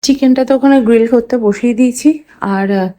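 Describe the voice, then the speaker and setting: A woman's voice: on the high side, fairly quick, dark tone. A woman in her thirties with a Bengali accent, chatting casually to viewers about her day while cooking. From India. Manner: chatty, talks to viewers while cooking, mixes in English words. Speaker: family vlogger. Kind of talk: casual vlog narration.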